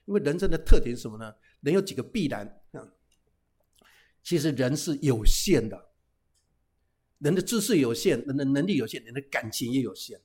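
A middle-aged man, a pastor, giving a humorous sermon, telling lively anecdotes peppered with casual tag particles and English phrases. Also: mid-range voice, moderate pace, slightly rough. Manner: lively storytelling with frequent "哈" tags and English phrases.

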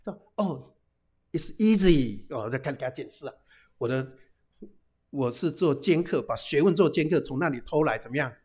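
A middle-aged man, a pastor, giving a humorous sermon, telling lively anecdotes peppered with casual tag particles and English phrases. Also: mid-range voice, brisk, slightly rough. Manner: lively storytelling with frequent "哈" tags and English phrases.

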